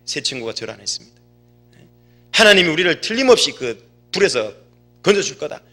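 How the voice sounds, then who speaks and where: Lively, bright-voiced preaching man. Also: fairly high pitch, brisk, soft background music. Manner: rhetorical questions to the congregation, storytelling. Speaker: pastor. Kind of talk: sermon.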